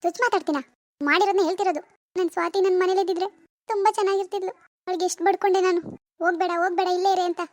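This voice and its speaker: A woman's voice: extremely high pitch, fairly even intonation, very fast, dry recording. A woman voicing a furious middle-aged mother in a cartoon who accuses her daughter's in-laws. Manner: accusing, shouting blame. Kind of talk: animated cartoon voice acting.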